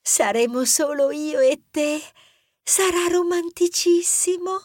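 A man voicing a cheerful, eager young female mouse in a children's audiobook, in a bubbly coaxing tone. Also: slow pace. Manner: bubbly, coaxing, high-pitched put-on voice. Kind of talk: audiobook character voice.

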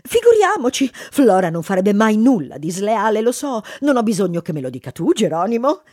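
A woman's voice: medium pitch, very animated, moderate pace, darkish tone, no echo, clean studio sound. A woman voicing a dramatic, jealous gothic female mouse who shrieks theatrically in an audiobook story. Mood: amused. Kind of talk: audiobook character reading.

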